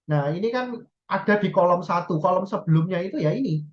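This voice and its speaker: A woman's voice: fairly low pitch, lively intonation, a little fast. Woman lecturing, dull lo-fi recording. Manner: explains step by step, often checks "ya" and self-corrects.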